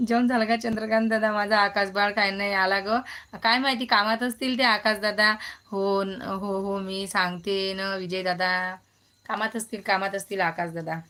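A woman's voice: medium pitch, fairly bright tone. A woman, hosting a casual phone live stream, chatting and greeting viewers by name as she reads their comments.

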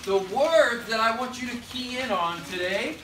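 In an echoey indoor classroom, a distant camera at the back records a third grade teacher with faint noise in the background. His voice is extremely high and a bit bright, with lively intonation and a moderate pace, as he delivers projected, directive instruction through short prompts and call-and-response.

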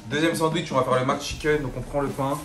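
A man's voice: a little high, steady tone, fast, a bit bright. A man, casually demonstrating cooking. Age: 20s. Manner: slangy, informal banlieue talk. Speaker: vlog host. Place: home kitchen. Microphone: camera a few steps away. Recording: echoey kitchen, distant mic, music.

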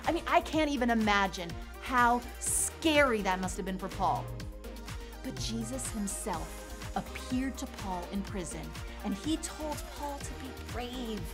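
Woman, kids' Bible lesson, lively storytelling, music behind. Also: a little high, a little slow. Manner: animated storytelling. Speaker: children's church teacher. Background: background music.

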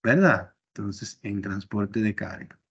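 A man's voice: fairly low pitch, takes it slowly, a bit bright, slightly rough. Man teaching online, audio glitching. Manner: step-by-step explaining, often checking with "bien". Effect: audio glitching and cutting out over the network. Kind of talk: online class tutorial. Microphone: video call. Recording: dull lo-fi online call audio.

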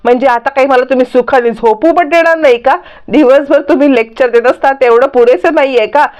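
A woman voicing an angry, sharp-tongued young mother who scolds and snaps in a story retelling. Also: high-pitched, brisk, dull audio, close to an everyday voice. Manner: snapping, scolding.

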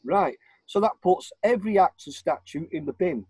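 A man's voice: high voice, lively intonation, moderate pace, darkish tone, slightly rough, no echo, poor audio. An older man with a northern English accent, speaking emphatically as a guest on a home video call. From Warrington, northern England. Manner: emphatic, insistent, repeats his points. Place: living room at home. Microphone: webcam on a video call.

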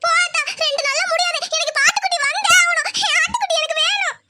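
A woman voicing a small, stubborn village girl who cries for her lost lamb, in a high whiny child voice. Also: fast talker. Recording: loud background noise.

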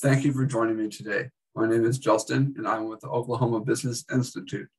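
A man giving a casual, chatty screen-recorded software tutorial as an instructor, with wry asides. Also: medium pitch, steady tone, quick pace, husky, distant mic, rough recording.

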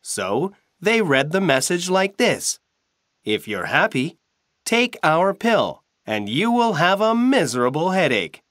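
A man narrating a textbook passage as a scripted recording, reading slowly and carefully enunciating. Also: a little high, sing-song, a bit bright, no room sound, studio quality.

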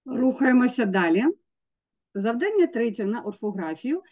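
A woman's voice: on the high side, sing-song, normal speed, a little mellow, highs cut off. A woman teacher, walking students through exam tasks step by step and sounding out letters. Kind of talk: exam prep lesson.

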